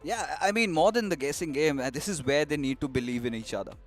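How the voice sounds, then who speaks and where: A man with an Indian English accent, a guest analyst who talks excitably and hesitantly, with many fillers. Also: on the high side, fast talker, soft background music. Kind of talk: esports analyst desk commentary.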